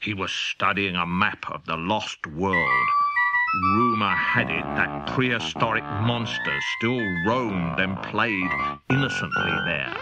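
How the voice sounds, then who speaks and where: Over loud music on a rough recording, a male storyteller reads a scripted children's audiobook slowly in a low voice. His intonation is lively, and the delivery is playful, comic and full of spirit.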